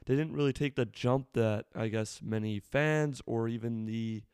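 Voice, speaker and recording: A man's voice: mid-range voice, moderate pace, darkish tone, smooth, no echo, clean studio sound. A man with a slightly worn, weathered voice giving casual solo sports commentary, informal and thinking aloud in short bursts as a fan.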